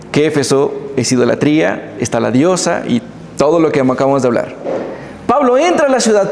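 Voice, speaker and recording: Animated high-voiced preacher in echoey hall. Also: male voice, a little hiss or hum. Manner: animated storytelling, addresses congregation directly. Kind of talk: sermon. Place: church hall.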